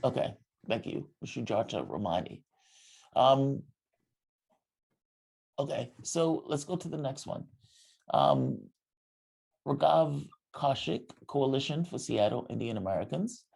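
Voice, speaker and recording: A man's voice: medium pitch, expressive, measured pace, creaky, pauses often, darkish tone, breathy edge. A man hosting a livestream panel, introducing guests with many ums and apologies. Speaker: livestream host.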